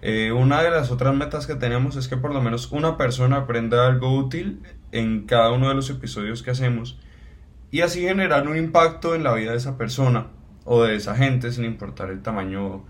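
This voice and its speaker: A man's voice: mid-range voice, a little fast. Earnest young Colombian guy from Cali. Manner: earnest, loose, with many fillers and restarts. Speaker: podcast co-host. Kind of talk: casual podcast intro.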